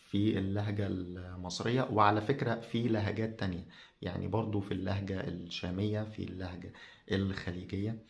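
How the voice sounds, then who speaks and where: A man with an Egyptian Arabic accent teaching a podcast language lesson, slow and halting with many drawn-out fillers. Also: on the low side, gravelly.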